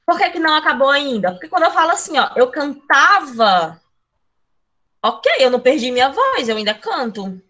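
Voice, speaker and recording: A woman teaches Spanish in an online class, referring to herself as "a tia" in a chatty, teacherly manner. Her high-pitched voice moves at normal speed but quickens when she gets excited, and she's recorded on a computer mic.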